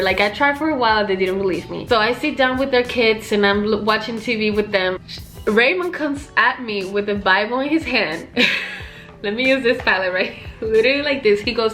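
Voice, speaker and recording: A woman's voice: a little high, fairly bright tone. A young woman vlogging casually, chatting and laughing as she rambles through a story with many restarts.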